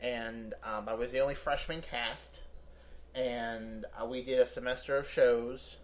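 A man from Pennsylvania talks as an interview guest in a medium-pitched voice. He tells personal stories in a loose, conversational style. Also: fairly even intonation, a little slow. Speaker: interview guest, improv comedian. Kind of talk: casual chat, personal anecdotes.

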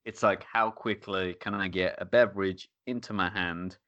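Laid-back male podcast co-host, low voice, dry close sound, casual beer-chat delivery. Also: fairly even intonation, moderate pace, a bit bright, no echo, lo-fi sound. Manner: laid-back, laughing often.

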